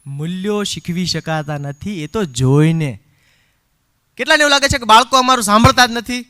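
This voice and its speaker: A middle-aged man giving a parenting seminar talk, an animated storyteller who acts out quotes and slips English phrases into his speech. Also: sits high, moderate pace, smooth.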